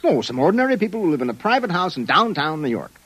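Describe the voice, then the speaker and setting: An actor playing a brusque, wisecracking private detective boss with a husky voice, in old-time radio style. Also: male voice, a little high, very animated, fast talker, a bit bright, no room sound, heavily acted. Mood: sardonic. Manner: bossy, hard-boiled, sardonic.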